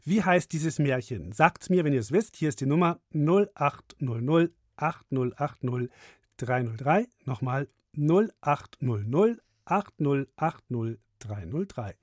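A woman's voice: sits low, animated, slow, darkish tone, no echo, clean studio sound. A woman hosting a children's radio call-in show, chatting encouragingly with young callers.

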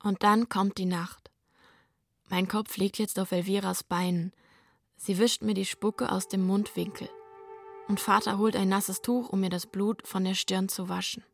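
A woman's voice: mid-range voice, fairly even intonation, a little slow, creaky, soft background music. A woman narrating as a troubled young boy in a scripted radio drama, telling it plainly and matter-of-factly. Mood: quiet.

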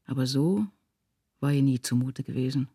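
A woman reading a classic novella aloud in a measured, earnest storytelling style, recorded in a studio. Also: very deep voice, warm tone, husky, dry recording. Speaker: reader of a literary audiobook. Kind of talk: scripted narration of a classic novella.

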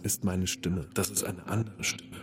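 A man speaking slowly and deliberately in an experimental spoken sound piece, repeating short phrases about his voice. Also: low-pitched, fairly even intonation. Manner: slow, repetitive, deliberate phrasing. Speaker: voice artist.

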